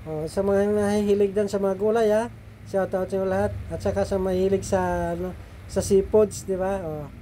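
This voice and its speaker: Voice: mid-range voice, level tone, normal speed, dark tone, slight background noise. A middle-aged food vlogger with a slightly nasal voice, chatting casually to viewers while eating and cooking, often turning to them for agreement.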